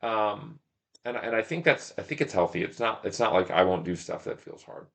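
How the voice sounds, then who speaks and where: A podcast guest, an ultramarathon runner and shop owner, casually rambles through stories about racing, thinking aloud and poking fun at himself. His lowish voice is expressive, creaky, and a bit bright, at a normal speed.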